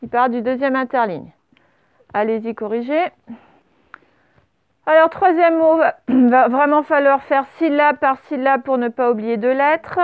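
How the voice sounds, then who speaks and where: A woman teaching a spelling lesson, dictating words slowly and spelling them out letter by letter and syllable by syllable. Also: high voice, clear, resonant tone, dry recording. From France. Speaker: primary school teacher.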